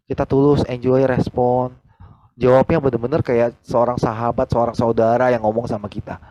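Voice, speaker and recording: A man, leading a team training over a video call, animated and acting out quoted conversations. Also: moderate pace, no echo, dull audio. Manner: animated, acts out quoted dialogue with big pitch jumps.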